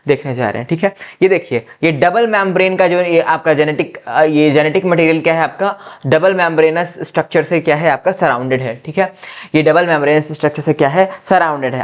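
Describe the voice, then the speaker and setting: Higher-pitched man teaching biology. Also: dull audio. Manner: repeats questions and answers them himself, says "ठीक है" often; addresses students as "बच्चा". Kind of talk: classroom lecture.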